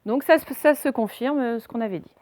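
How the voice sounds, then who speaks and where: A woman's voice: on the high side, background noise. Patient woman teaching a spelling lesson. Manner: patient, spells out letters slowly.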